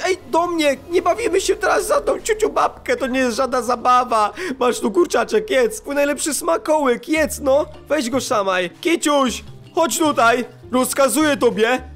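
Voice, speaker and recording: Young male gaming YouTuber, high voice, excitable let's-play commentary with faint music behind. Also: a little slow. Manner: excitable, dramatic, often calls high and sing-song to his cat.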